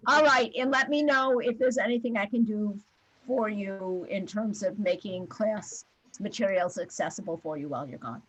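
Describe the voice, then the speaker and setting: A woman math teacher chatting briskly and warmly with her students on a video call, with lots of fillers. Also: medium pitch, husky, no echo, low-quality recording. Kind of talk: casual talk with students after class.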